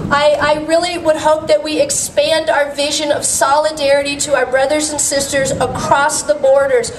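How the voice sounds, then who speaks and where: A woman's voice: sits high, level tone, moderate pace. A woman activist giving a rousing, earnest and emphatic political speech at a union rally. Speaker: peace activist and rally speaker. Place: outdoor plaza public address, crowd behind. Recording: distant outdoor rally recording, echoey, crowd noise.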